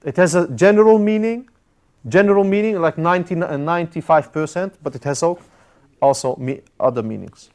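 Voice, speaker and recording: Halting man teaching a classroom lesson. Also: a little high, darkish tone. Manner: halting, with frequent "uh" fillers, mixing in Arabic terms; explains step by step, repeating key words. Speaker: Arabic teacher.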